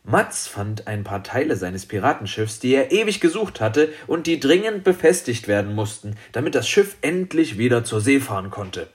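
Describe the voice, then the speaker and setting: A man narrating a children's story in a lively, expressive way. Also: medium pitch, normal speed, hardly any pauses.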